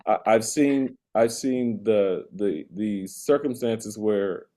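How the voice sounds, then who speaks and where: Mellow-voiced man on an emphatic comic rant. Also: on the low side, takes it slowly. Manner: emphatic, repeats phrases for comic effect, builds to exasperation. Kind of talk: casual conversational rant.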